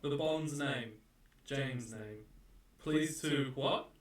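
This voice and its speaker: A man's voice: mid-range voice, very slow, roomy sound. A man, co-hosting a livestream with teasing, jokey banter. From New Zealand. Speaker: livestream co-host. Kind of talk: casual banter.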